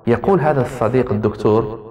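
A man's voice: medium pitch, fast talker, darkish tone. A man giving a lecture on raising children, speaking straight to his listeners and repeating key phrases for emphasis. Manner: addresses listeners directly with rhetorical repetition. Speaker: parenting lecturer. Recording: roomy hall with long reverb.

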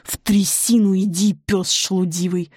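A woman's voice: fairly high pitch, animated, normal speed, darkish tone, dry recording, studio quality. Woman doing a sobbing young runaway girl. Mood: spiteful. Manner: sobbing, pleading, hoarse. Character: terrified young runaway woman, tearful, defiant.

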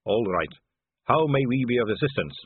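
A man's voice: mid-range voice, very animated, moderate pace, husky, dry recording. A man voicing a stern, officious middle-aged male watch captain in an audiobook reading. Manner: officious, territorial. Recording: tinny phone-like audio.

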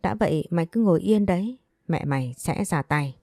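A woman's voice: fairly low pitch, animated, moderate pace, a little mellow, dry recording, clean studio sound. A woman voicing a stern, scheming middle-aged mother who scolds her son bluntly. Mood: scolding.

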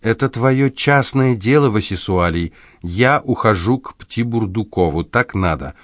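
A man's voice: lowish voice, lively intonation, unhurried, no echo, clean studio sound, voice pushed up. A man voicing a cold, impatient wife in an audiobook, speaking in a curt, dismissive way. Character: cold, impatient wife leaving her husband.

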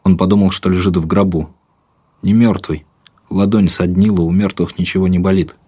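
A man narrating an audiobook in a measured, vivid, rhythmic way. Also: deep voice, steady tone, dark tone, slightly rough.

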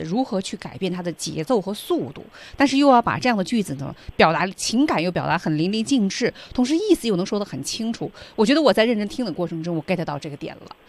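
A woman co-hosting a radio English lesson, summing up the teacher's points and agreeing with short replies. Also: mid-range voice. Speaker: radio co-host.

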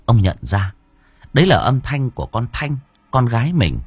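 A man narrating a horror story in a dramatic, expressive way. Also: mid-range voice, moderate pace, breathy edge. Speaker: audiobook narrator.

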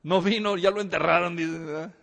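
A man preaching a sermon, telling a story in a lively way, acting out the voices and asking the congregation questions. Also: high voice, brisk, creaky. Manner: animated storytelling, acts out voices, asks the audience questions. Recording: reverberant hall.

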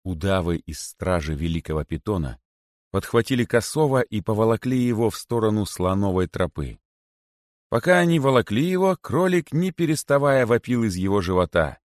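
A male storyteller with a fairly low voice that rises and falls widely as he reads. His delivery is expressive and animated, recorded dry and close with no room sound. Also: normal speed, dry recording. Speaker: narrator. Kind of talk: storybook narration.

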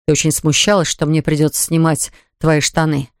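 A man's voice: on the high side, flat delivery, moderate pace, dry recording, clean studio sound. A man narrating an audiobook in the first person, reading evenly and voicing dialogue plainly. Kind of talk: scripted narration.

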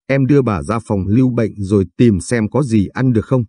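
A man reading the lines of a calm, kind female doctor who reassures her patient gently. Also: fairly low pitch, brisk, husky, dry recording, studio quality. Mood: reassuring.

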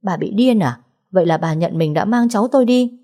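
A woman's voice: mid-range voice, animated, fairly quick, dark tone, voice pushed up, lightly acted. A woman voicing a stern older father in a story who barks and scolds. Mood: shouting. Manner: barking, scolding. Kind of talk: audiobook character reading.

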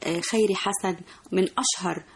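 Fast-talking Egyptian woman radio host. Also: on the low side, gravelly, a little hiss or hum. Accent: Egyptian Arabic. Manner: polite, formal presenter. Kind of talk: radio interview.

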